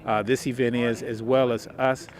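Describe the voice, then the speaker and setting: A man's voice: mid-range voice, flat delivery, moderate pace, a crowd in the background. A man hosting a community TV show, interviewing guests outdoors at a city event, earnest and full of thanks.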